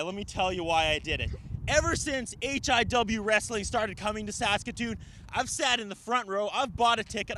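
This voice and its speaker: Male wrestler for promo: high, forceful voice, indignant, emphatic phrasing. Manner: emphatic, indignant, rhetorical questions.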